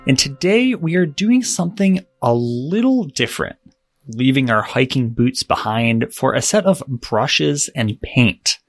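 Relaxed male podcast co-host. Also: medium pitch, measured pace, dry recording, soft background music. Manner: relaxed, rambling. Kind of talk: casual podcast chat.

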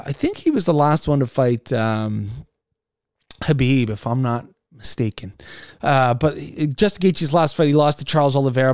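A chatty man runs through the week's sports on his own podcast, rambling and restarting his sentences as he goes. His voice is smooth and clear and sits a bit high for a man, in a dry, close recording. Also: a little mellow, dry recording. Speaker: podcast host. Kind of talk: solo sports podcast rundown.

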